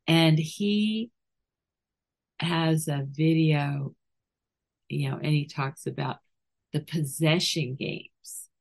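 A middle-aged woman dog trainer talking through training ideas and acting out little scenes. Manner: animated, acts out scenes with sudden high voices. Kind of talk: podcast monologue.

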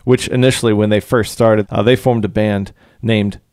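A man's voice: fairly low pitch, fairly even intonation, normal speed, darkish tone, no room sound, clean studio sound. A man co-hosting a casual music podcast, joking and laughing often as he talks. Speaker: podcast co-host.

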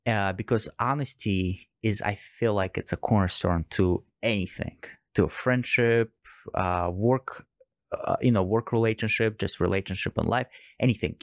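A man with a low voice talks earnestly in a relaxed podcast conversation. He stresses his points by repeating key words. The recording is close and dry. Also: moderate pace, no room sound. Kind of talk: casual chat.

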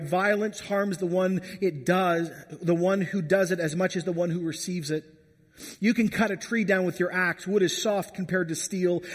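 A man preaching a sermon as a pastor, earnest and storytelling. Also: high-pitched. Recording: long hall reverb.

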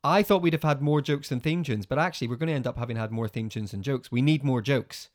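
A fast-talking man with a mid-range voice co-hosts a family podcast, upbeat and cheerful as he reads out listener messages and jokes.

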